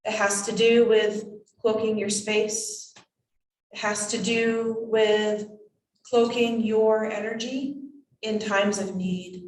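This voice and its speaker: A woman acting as a seance medium in trance, voicing a cryptic, whimsical spirit guide in halting, measured phrases. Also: medium pitch, level tone, darkish tone, a little hiss or hum, natural voice. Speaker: channeling medium. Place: indoors, draped room. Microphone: distant camera microphone. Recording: roomy echo, distant microphone.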